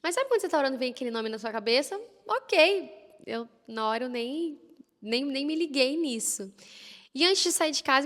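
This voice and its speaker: A woman telling a personal faith story in casual conversation, animated and lively as she acts out what people said. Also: high voice, big-room sound. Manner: animated, lively retelling with quoted prayers and laughs. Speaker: guest telling a personal testimony.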